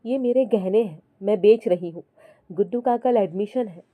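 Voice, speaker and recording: A woman voicing a hardworking, devoted mother who speaks quietly and softly. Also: medium pitch, moderate pace, dry recording, narrow, tinny audio, natural voice. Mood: gentle. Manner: quiet, soft-spoken.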